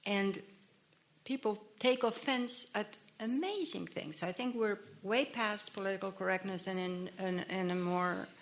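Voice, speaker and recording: A woman's voice: medium pitch, a little slow, a little hiss or hum. A woman on a forum panel, speaking frankly with frequent restarts and hesitations. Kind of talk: panel discussion.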